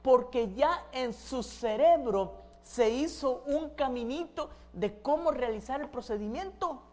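A woman's voice: high voice, expressive, measured pace, a little mellow. A woman preaching a sermon, asking the audience questions and acting out everyday scenes with sound effects.

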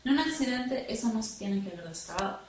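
A woman telling her testimony in church, halting and repeating words as she remembers. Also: fairly high pitch, lively intonation. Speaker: church member giving testimony. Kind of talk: spoken testimony. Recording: echoey room, far from the mic, noisy.

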